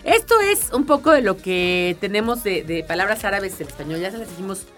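A woman's voice: mid-range voice, animated, a little fast, a bit bright, soft background music. A woman co-hosting a radio chat about language, explaining patiently and often checking in with a questioning "¿no?". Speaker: radio co-host.

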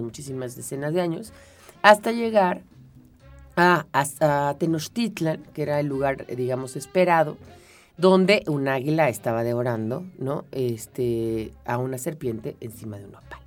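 Mexican woman explaining things patiently. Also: deep voice. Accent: Mexican Spanish. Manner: explains patiently, often tags "¿no?" and fills with "este". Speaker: co-host. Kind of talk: explanatory radio chat.

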